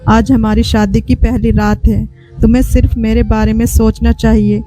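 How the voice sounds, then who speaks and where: A woman voicing an affectionate young husband in a storybook, speaking softly and reassuringly in an even, mellow tone, with faint music behind. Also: sits high, moderate pace, close to an everyday voice. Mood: tender.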